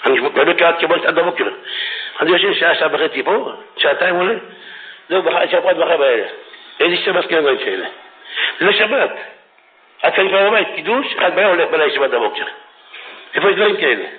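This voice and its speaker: A middle-aged man preaching a fiery religious sermon, swinging between shouting and hushed tones. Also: fairly high pitch, animated, long pauses. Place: religious study hall. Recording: tinny phone-like radio recording.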